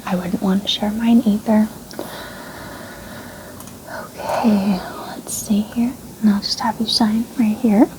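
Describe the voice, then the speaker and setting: A woman speaking in a soft, breathy near-whisper in a whispered role-play as a gentle, polite and reassuring librarian. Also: mid-range voice, fairly even intonation, slow, long pauses, noisy background. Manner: polite, reassuring, gentle customer-service phrasing. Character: gentle, helpful female librarian. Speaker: ASMR creator playing a librarian.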